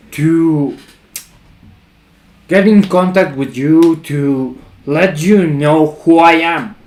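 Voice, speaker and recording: A man with a fairly high voice hosts a casual livestream at an unhurried, slow pace. He talks in hype gym-bro style, repeating short phrases and leaning on bro-speak. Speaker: livestream host.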